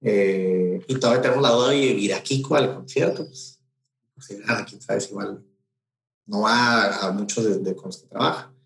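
A man's voice: fairly low pitch, normal speed, creaky. Rambling Mexican man, echoey room. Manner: rambling, many fillers and restarts. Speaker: event promoter. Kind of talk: casual storytelling interview. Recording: roomy echo.

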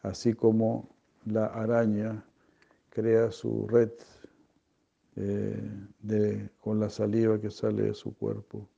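A man leading a scripture class, reading and explaining slowly and haltingly, with many fillers and soft chuckles. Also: on the low side, monotone, vocal fry, slightly rough, dull audio. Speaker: spiritual teacher.

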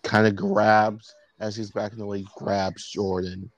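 Man, low voice, game master, casual halting narration, tabletop role-play. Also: level tone, lo-fi sound.

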